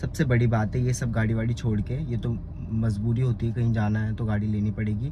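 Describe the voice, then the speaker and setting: A young man from Uttar Pradesh, India, talking about his life in a chatty, rambling vlog, his voice often rising with excitement. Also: on the low side, fairly quick. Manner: chatty, rambling, with lively rises. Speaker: vlogger. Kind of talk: casual vlog narration. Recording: noisy outdoor phone recording.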